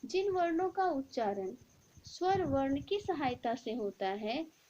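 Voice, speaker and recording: A woman teacher explaining a grammar lesson slowly and deliberately, drawing out the example sounds. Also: high-pitched, expressive, dark tone. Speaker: school teacher. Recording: dull lo-fi recording with faint noise.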